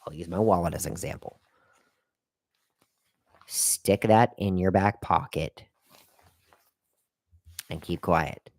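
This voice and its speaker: A man with a low, darkish voice speaks slowly and pauses often while giving viewers offhand career advice on his live stream. He repeats himself, drifts from point to point, and addresses the chat directly, sometimes hiccuping or burping. The recording is dry and studio grade.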